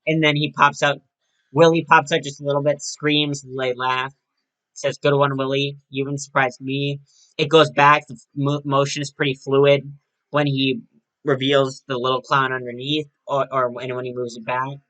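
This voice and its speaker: Bright-voiced man casually reviewing a prop. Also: medium pitch, flat delivery, normal speed, poor audio. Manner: chatty, with frequent restarts and self-corrections.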